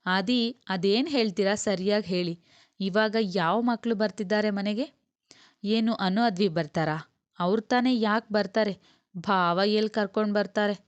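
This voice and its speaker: A woman's voice: medium pitch, unhurried, clean tone, no echo, highs cut off, natural voice. A woman playing a puzzled young wife. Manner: questioning.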